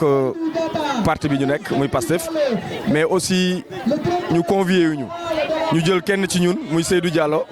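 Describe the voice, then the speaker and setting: A man with a Senegalese accent giving interview remarks as a guest official at a tournament, switching between two languages. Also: on the high side. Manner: mixes Wolof and French. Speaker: deputy mayor, guest speaker. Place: outdoors at a sports ground. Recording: loud crowd outdoors behind voice.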